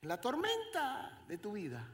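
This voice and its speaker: A male pastor preaching a sermon in church, swinging between quiet passages and loud dramatic exclamations. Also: sits high, huge pitch swings, a little slow.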